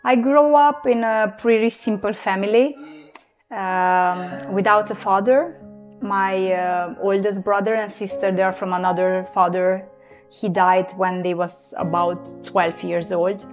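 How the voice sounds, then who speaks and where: A young woman from Transylvania with a Hungarian-Romanian accent, giving a personal testimony in English with many pauses and fillers. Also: medium pitch, fairly even intonation, faint music behind. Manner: halting, many fillers and restarts. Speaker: guest.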